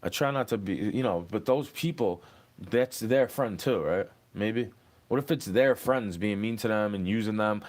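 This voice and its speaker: Answering street-interview questions, a young man with a lowish voice rambles on at normal speed, cursing and sounding aggrieved.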